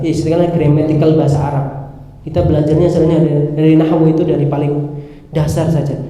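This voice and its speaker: A man from Indonesia preaching a dawn study sermon, lively, breaking into chanted Quran recitation. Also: on the high side. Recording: echoey hall, reverberant.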